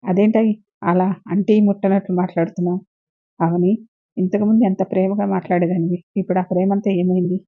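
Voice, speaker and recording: A woman's voice: fairly low pitch, level tone, fairly quick, dry recording. A woman voicing a pushy, self-pitying young man who pleads insistently, in a dull lo-fi recording. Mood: pleading.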